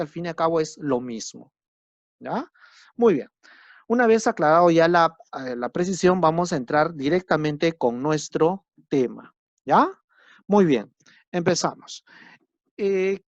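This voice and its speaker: A man with a fairly high voice gives a recorded lecture, explaining patiently, repeating key terms, and checking understanding with frequent tag questions. The lo-fi recording is dull but has no echo.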